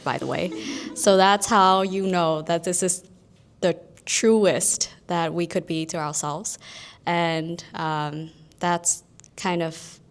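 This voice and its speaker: A woman from Vietnam co-hosting a podcast, explaining things in a measured way with fillers to a live classroom audience. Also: lowish voice. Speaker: podcast co-host. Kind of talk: unscripted talk to a live audience.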